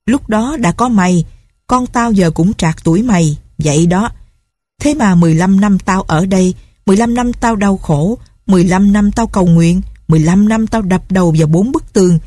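A woman's voice: mid-range voice, moderate pace, mellow, no echo, clean studio sound, natural voice. A woman reading a storybook, voicing a bitter, grief-crazed older woman who threatens a girl harshly. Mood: vengeful. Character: grief-crazed vengeful older female recluse.

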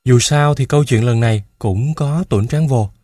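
A man reading a first-person children's story aloud in a steady, measured way into a close mic. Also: medium pitch, dry recording. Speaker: audiobook narrator.

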